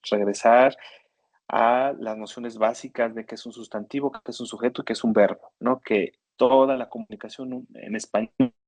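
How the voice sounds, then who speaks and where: A man with a Mexican Spanish accent lectures students on grammar and spelling. His voice sits at an ordinary middle pitch, recorded close and dry with no room sound. He talks with many fillers, restarts and little tag questions to check in with the class. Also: fairly even intonation, normal speed, a little mellow, no room sound. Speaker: university writing instructor.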